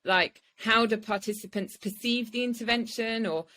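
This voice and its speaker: A woman's voice: on the high side, fairly even intonation, normal speed, pushed and bright, rough recording. Woman hosting a research podcast. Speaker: podcast host.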